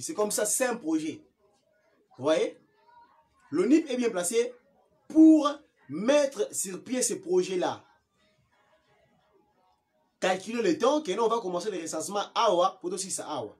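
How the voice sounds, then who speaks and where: A man with a Congolese accent who slips into Lingala, giving his opinion in an impassioned way, repeating and stressing his points. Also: high-pitched. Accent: Congolese (Kinshasa), mixing in Lingala. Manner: emphatic and repetitive, stressing words over and over.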